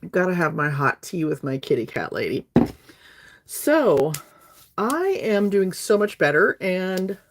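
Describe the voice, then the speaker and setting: A woman in her fifties speaks with a low, deep-set voice. She talks to her viewers in a chatty, friendly way while doing her makeup on a livestream. A slight lingering cough stays with her. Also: very animated, unhurried. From North Alabama, USA. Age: 50s.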